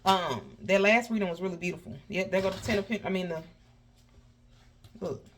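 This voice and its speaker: A woman's voice: lowish voice, a little fast, a little hiss or hum. A woman with a slushy lisp on her s sounds, chatting casually and sassily to viewers as she reads tarot. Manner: folksy, sassy, addresses viewers as honey and baby. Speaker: tarot reader host.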